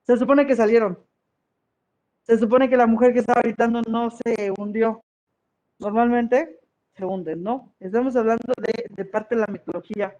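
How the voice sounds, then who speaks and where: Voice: medium pitch, steady tone, normal speed, darkish tone, lo-fi sound. A history teacher gives a conversational classroom lecture and often checks in with the students.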